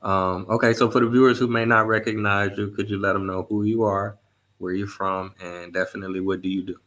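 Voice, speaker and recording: A man hosts a podcast interview, polite and a little formal in how he phrases things. His voice is bright and forward, sits on the low side, and stays quite flat in pitch. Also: a little fast. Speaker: podcast host. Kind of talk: interview questions.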